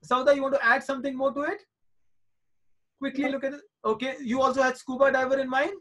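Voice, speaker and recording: Guy in his 40s teaching kids on a video call, really high voice, keeps reassuring them and saying things twice. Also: flat delivery, fast talker, pushed and bright. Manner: reassuring, coaxing, repeats points. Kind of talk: live online class for children.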